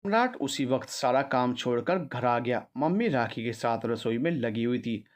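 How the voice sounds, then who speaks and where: A man narrating a scripted story in a steady, even storytelling manner. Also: mid-range voice, normal speed.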